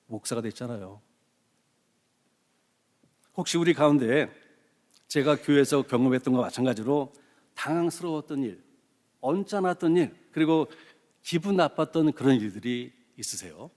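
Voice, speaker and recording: A man's voice: mid-range voice, darkish tone, long reverb tail. A man in his sixties, a pastor giving a sermon, telling stories earnestly and asking the congregation rhetorical questions. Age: 60s. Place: church sanctuary.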